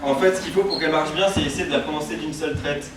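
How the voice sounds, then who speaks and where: A man's voice: a little high, steady tone, racing, noisy background. A man leading a group audio workshop, explaining step by step with patience. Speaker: workshop leader. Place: large echoey room with a group. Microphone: distant microphone. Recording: echoey room, far-off mic, crowd chatter.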